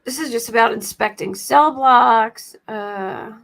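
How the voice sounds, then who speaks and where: A woman's voice: a little high, slow, creaky, fairly bright tone. A woman with an American accent and a scratchy voice, hosting a casual livestream and rambling informally as she thinks aloud. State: scratchy voice today. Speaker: livestream host commenting on true crime cases. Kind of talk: casual livestream chat commentary.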